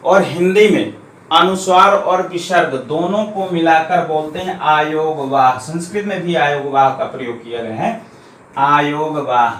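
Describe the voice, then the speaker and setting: A man teaching a grammar lesson, explaining patiently step by step and slowly repeating each term. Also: on the high side, a bit bright. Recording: echoey room, faint ambient noise.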